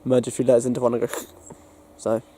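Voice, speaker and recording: A man's voice: mid-range voice, completely flat delivery, fairly quick, dark tone. A British man casually narrating a railway vlog on a station platform, rambling with fillers into a handheld camera. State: out of breath after running. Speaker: railway vlogger.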